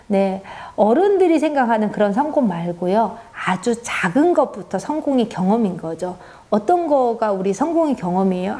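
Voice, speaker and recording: Soft-toned woman giving a parenting talk. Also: a little high. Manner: earnest, warm storytelling with many "네" affirmations. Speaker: parenting lecturer. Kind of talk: parenting talk with acted examples.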